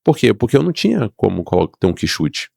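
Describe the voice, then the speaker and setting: A man's voice: fairly low pitch, sing-song, fast talker, gravelly, warm tone, no echo, clean studio sound. A middle-aged man with a Brazilian Portuguese accent, a podcast guest telling his life story in an emphatic, motivational way and acting out the voices of people in it. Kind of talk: personal storytelling in a podcast interview.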